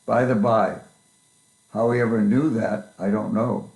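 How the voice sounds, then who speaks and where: A man's voice: lowish voice, steady tone, unhurried, a little mellow, echoey room. A man reading the part of a mild, grieving poor clerk and father in a Victorian story, earnest and affectionate. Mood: earnest, grateful. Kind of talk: dramatic reading of a classic story.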